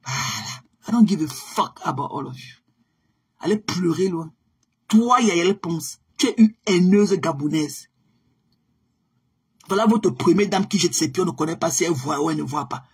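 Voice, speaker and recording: Husky woman ranting live. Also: fairly low pitch, animated, normal speed. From Cameroon. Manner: confrontational, insulting, drops English phrases. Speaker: live streamer. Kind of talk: heated live-stream rant.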